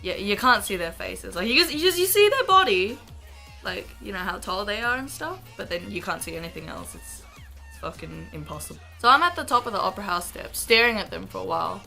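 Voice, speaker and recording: A woman's voice: medium pitch, sing-song, a little fast, creaky, sharp tone, soft background music. A young woman vlogging from her bed with a congested, nasal voice from a cold, telling a rambling story full of fillers and casual swearing. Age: young adult. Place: in bed in a dark bedroom, early morning. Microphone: camera in front of her.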